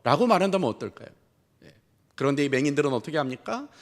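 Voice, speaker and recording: A man's voice: fairly high pitch, big pitch swings, fast talker. A male pastor preaching a sermon who tells the story vividly, acts out the characters' dialogue and puts questions to the congregation. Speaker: senior pastor. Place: church sanctuary. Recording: long church hall reverb.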